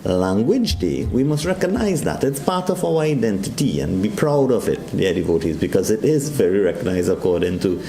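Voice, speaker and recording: Preaching on a morning broadcast, a man from Trinidad and Tobago gives a devotional talk in a low, mellow, creaky voice with sudden high swoops and big pitch swings. He moves at a moderate pace with few pauses, while faint music plays behind him in an echoey room.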